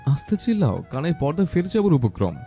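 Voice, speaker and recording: An actor playing a domineering young husband in an audio romance drama, commanding, scolding and mocking. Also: male voice, on the high side, sing-song, quick pace, mellow. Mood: teasing. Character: bossy, threatening young husband. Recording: faint background music.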